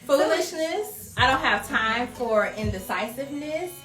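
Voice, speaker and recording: A woman's voice: high-pitched, animated, moderate pace, echoey room, over loud music. A woman in her late thirties, a guest in a casual chat, talking frankly and hammering her points home. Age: 30s. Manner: frank, emphatic, repeats points. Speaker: guest, spa owner.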